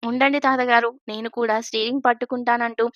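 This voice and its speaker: A woman's voice: fairly high pitch, fairly even intonation, fast, a bit bright, no room sound, dull audio, natural voice. Woman voicing a teasing young man in love.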